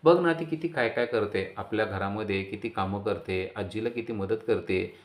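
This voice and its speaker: A man's voice: on the low side, normal speed, lightly acted. A man voicing a grown woman, an affectionate elder sister who scolds and teases her younger brother. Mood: fond. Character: adult woman, loving elder sister, teasing.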